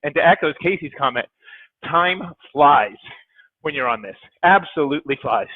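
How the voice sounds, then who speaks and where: A man's fairly high voice comes through a thin, phone-like call line with no room sound at all. He talks in a relaxed, modest way about winning, as a rider being interviewed after the race. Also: moderate pace, no echo. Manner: modest, chatty. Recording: tinny phone-like call audio, dry.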